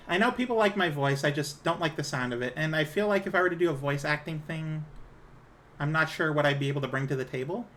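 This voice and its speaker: Woman streamer, low-set feminine voice, casual live chat, halting delivery, self-conscious, apologetic. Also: fairly bright tone, slight background noise.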